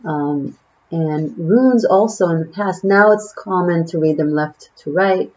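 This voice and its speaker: A woman with a lowish voice speaks unhurriedly over dull audio. She's an Israeli native Hebrew speaker with an Israeli accent, giving a casual tarot reading to the camera in a musing, chatty way full of fillers.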